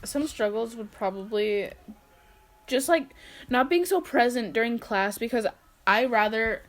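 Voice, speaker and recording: A woman's voice: on the high side, unhurried. A teenage girl co-hosting a casual podcast, laid-back with short answers and casual swearing. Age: late teens. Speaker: podcast co-host. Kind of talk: casual chat.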